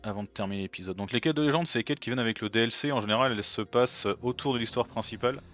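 A man's voice: medium pitch, racing, a bit bright, muffled recording, faint music behind. Chatty male let's-play host. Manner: chatty, thinks aloud with many fillers. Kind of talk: casual gameplay commentary.

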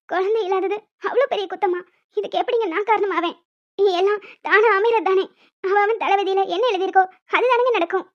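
A woman voicing a gentle young wife in a cartoon, pleading and sorrowful as she pours out her hurt. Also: very high-pitched, muffled recording.

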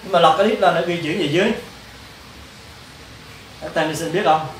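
A man, a Buddhist monk, lectures students in a loose, rambling way, repeating himself and throwing questions at the room. His voice sits a little high. It is recorded from a distance in an echoey hall, with faint hiss behind it. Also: a little fast. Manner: rambling, repetitive, addresses listeners directly with questions. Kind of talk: casual dharma lecture. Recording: roomy, distant mic, faint background hiss.

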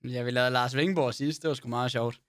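A man's voice: medium pitch, steady tone, no room sound, studio quality. A man streaming a game, chatting casually to his viewers in a rambling way and swearing now and then. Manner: rambling, swears, talks to chat. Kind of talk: casual live-stream chat.

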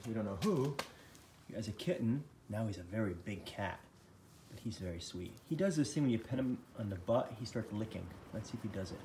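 Man, casual home livestream, joking and teasing, lively up-and-down voice, noisy phone recording. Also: medium pitch, roomy sound. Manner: joking, teasing, with frequent laughs; soft, cooing talk to pets. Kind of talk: casual live commentary. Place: home kitchen, then garage.

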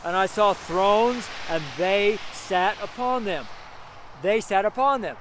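A middle-aged man preaches a street sermon beside a busy road, filmed by a camera facing him from medium distance with traffic noise around. His high voice has a fairly bright tone; he is emphatic and repetitive, constantly checking in with "right?", and reads scripture slowly and deliberately.

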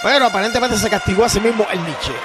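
A man with a Puerto Rican accent giving partisan wrestling commentary, emphatic, with drawn-out, repeated exclamations. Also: high-pitched, music in the background. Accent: Puerto Rican Spanish. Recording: noisy arena with crowd behind. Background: crowd noise.

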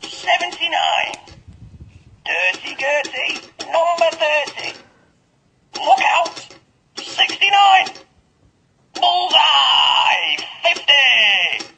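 A man voicing a brash toy bingo caller, announcing in a loud, drawn-out, theatrical way through a toy speaker. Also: extremely high pitch, sing-song, gravelly, music in the background, heavily acted. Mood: brash, showy. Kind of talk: bingo calling. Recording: noisy toy speaker, clicking.

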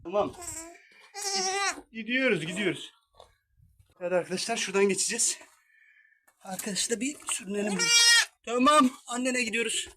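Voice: medium pitch, normal speed, long pauses, noisy background. A rescue team member outdoors on seaside rocks, casually narrating an animal rescue and coaxing and teasing a goat kid between remarks to viewers.

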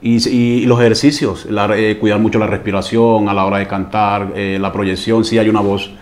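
A man's voice: on the low side, flat delivery, normal speed, a little hiss or hum. A man from Colombia, a salsa orchestra singer, answering interview questions hesitantly with many fillers.

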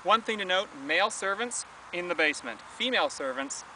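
A young man co-hosting a travel vlog chats casually and jokes around outdoors on a lawn, his high-pitched, animated voice a little fast with a sharp tone. He trails off with ums, and a camera mic several meters away captures distant outdoor audio with slight background noise.

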